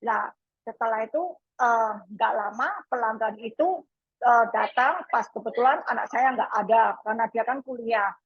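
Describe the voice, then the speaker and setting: A middle-aged woman telling a personal story about her child, halting with fillers and acting out the lines of others. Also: a little high, breathy edge, no echo, highs cut off. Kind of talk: personal testimony.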